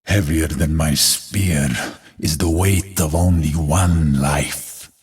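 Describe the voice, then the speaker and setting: An actor voices a stoic, battle-weary warrior in a video game, delivering measured, declamatory lines gravely and deliberately. His male voice is bass, gravelly and husky, with a steady tone, a heavily acted style and a solemn, resolute mood.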